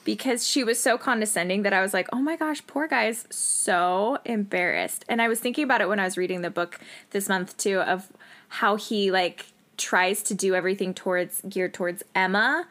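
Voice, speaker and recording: A woman's voice: medium pitch, fairly quick. Chatty woman co-hosting a podcast. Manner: animated, laughs often, acts out quotes. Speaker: podcast co-host. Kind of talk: casual chat.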